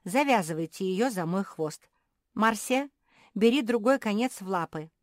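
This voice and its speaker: A woman's voice: medium pitch, lively intonation, unhurried, no echo, studio quality, pitched above the performer's own voice, natural voice. A woman voicing a brave, bossy young female pet animal in a storybook, giving orders eagerly. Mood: bold. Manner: commanding, eager.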